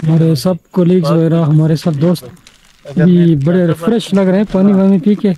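A man's voice: a little high, steady tone, normal speed, a crowd in the background. A man vlogging outdoors on a mountain trail, pointing out the scenery to viewers as he climbs, recorded on a handheld camera. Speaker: travel vlogger. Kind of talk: casual commentary while hiking.

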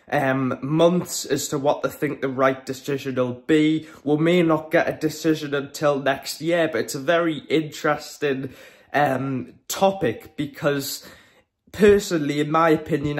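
A teenage guy vlogging to camera at home, chatty and opinionated, with frequent ums and restarts. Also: fairly high pitch. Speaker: football vlogger. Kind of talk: casual vlog to camera. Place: small room at home, indoors.

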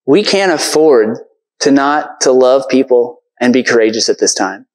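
Guy preaching at church, earnest and chatty, lots of "you know" and "like", pretty average pitch. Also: normal speed, low-quality recording. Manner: earnest, conversational, many fillers. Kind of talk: casual sermon. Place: church stage.

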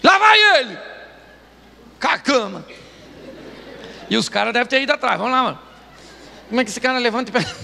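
A man's voice: very high-pitched, quick pace, creaky, long pauses, sharp tone, in a large hall, a faint crowd. A man preaching a humorous sermon as pastor, telling jokes and stories and laughing often. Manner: joking storytelling, laughing often. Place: church stage.

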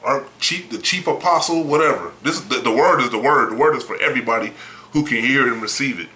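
A man's voice: medium pitch, fast talker, bright, forceful tone, echoey room, rough recording. A man preaching a sermon in a blunt, emphatic, folksy way, often repeating words.

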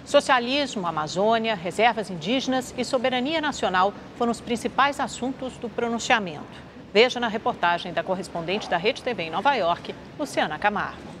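A woman news anchor introducing a report in a crisp, scripted delivery. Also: fairly high pitch, lively intonation, brisk, a bit bright, slight background noise.

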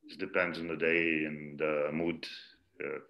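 Slow, deep-voiced man from Ukraine. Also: level tone, highs cut off. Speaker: guest. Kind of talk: casual online interview. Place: indoor room, video call. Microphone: laptop mic on video call.

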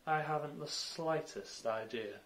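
A man's voice: on the high side, a little slow, fairly bright tone, pitched above the performer's own voice. A man voicing a rude, eccentric male hatter in a storybook reading, snappish and contemptuous.

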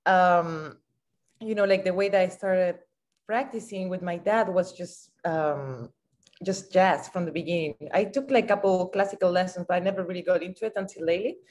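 A woman's voice: on the low side, steady tone, normal speed, a little mellow. A young woman, a saxophonist, talking thoughtfully in casual conversation over a video call. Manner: thoughtful, many fillers like "you know" and "like". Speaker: saxophonist and composer. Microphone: video call mic.

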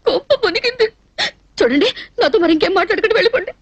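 A woman's voice: very high voice, lively intonation, fast talker, no room sound, highs cut off. A young woman playing a naive, lovestruck girl who pleads and weeps for comic effect in a film scene. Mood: plaintive. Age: young adult. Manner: plaintive, pleading, given to comic tears. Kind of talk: Telugu film comedy dialogue.

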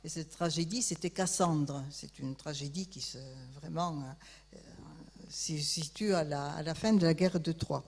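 A woman's voice: fairly low pitch, a little mellow. A female professor presenting a writer to an audience, speaking hesitantly with frequent fillers. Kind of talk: public lecture. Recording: long reverberant hall.

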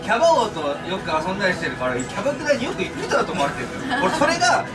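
A young man with a fairly high, very animated voice, talking in an excitable, teasing way. He is picked up from across a nightclub lounge, with loud music behind him. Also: racing. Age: young adult. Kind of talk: casual party chat. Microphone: camera a few metres away. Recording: distant mic, loud music and crowd. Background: loud music and party crowd.

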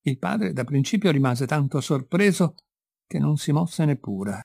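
A man reading a short story aloud as narrator, with an expressive, dramatic delivery. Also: on the high side, unhurried, creaky, slightly rough, dry recording, studio quality. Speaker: reader.

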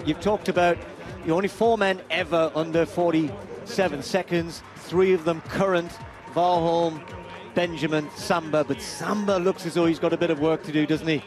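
A man giving expert analysis as co-commentator after a race, talking in a conversational way with frequent fillers. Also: fairly high pitch. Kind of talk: live sports analysis.

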